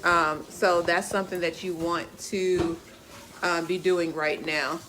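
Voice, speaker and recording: Lady talking thru her holiday cooking prep at home, lowish voice, lots of kitchen clatter behind. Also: fairly even intonation, unhurried, background noise. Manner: chatty, gives direct homey advice. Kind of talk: casual kitchen chat and cooking tips.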